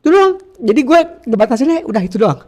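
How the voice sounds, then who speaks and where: Speaking in a very high, mellow voice, this Jakarta man is a fast talker and very animated. As an interview guest, he rambles in slangy, informal speech, repeating himself with feeling in a casual, confessional chat.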